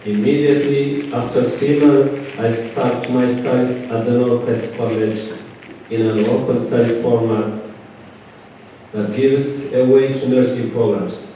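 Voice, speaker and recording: Eritrean-accented guy giving a testimony speech, earnest, slow pauses, mellow voice, echoey hall, mic kinda far, faint hiss. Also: medium pitch, fairly even intonation. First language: not English. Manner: earnest and measured, with deliberate pauses. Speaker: community event speaker. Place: large event hall.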